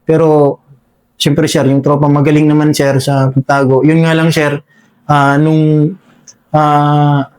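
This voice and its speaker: Soldier guy telling a war story, keeps saying sir, lots of um and uh, kinda high and flat voice. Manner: halting, full of fillers, says "sir" constantly. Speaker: soldier recounting a combat encounter. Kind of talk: spoken war story in an interview.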